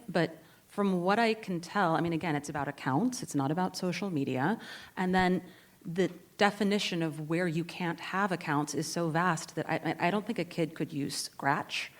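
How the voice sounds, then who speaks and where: A woman speaking as a panelist at a live podcast taping, with wry, joking asides. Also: on the low side. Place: conference stage before an audience.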